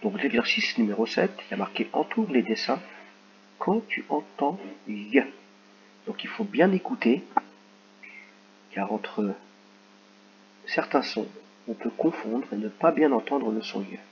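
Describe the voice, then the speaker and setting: A man teaching a recorded phonics lesson to young children, dictating words slowly and clearly. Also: mid-range voice, animated, lo-fi sound, slight background noise. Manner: slow, carefully articulated word dictation.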